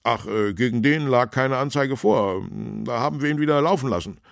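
A man's voice: mid-range voice, moderate pace, gravelly, no room sound, clean studio sound, voice pushed up. A man voicing an eager, dutiful male village policeman in a somewhat raised, earnest voice. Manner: excited, earnest, a little raised.

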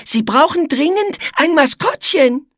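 A woman's voice: sits high, lively intonation, a little slow, fairly bright tone, no echo, clean studio sound, pitched above the performer's own voice. A woman voicing a prim, easily offended young female spider in a storybook reading. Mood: eager.

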